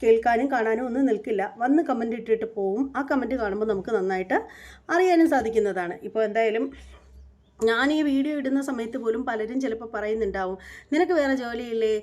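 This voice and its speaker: A woman hosts her own reaction channel, talking straight to her viewers. Her voice sits a little high, and she chats on in a loose, repetitive way, turning indignant now and then. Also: fast talker, darkish tone. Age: 40s. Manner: chatty, repetitive, sometimes indignant. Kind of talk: casual monologue to viewers.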